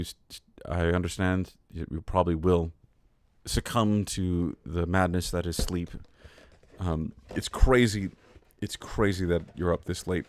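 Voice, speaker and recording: A man's voice: deep voice, no room sound. A tired man hosting a casual livestream, reading lore aloud and chatting, often laughing and getting sidetracked. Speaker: streamer host.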